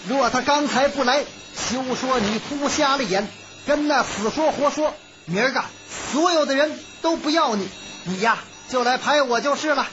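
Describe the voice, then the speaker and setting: A woman storyteller voicing a pert young courtesan with a sharp, bantering tongue. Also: high-pitched, moderate pace, lightly acted. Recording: dull lo-fi recording with music.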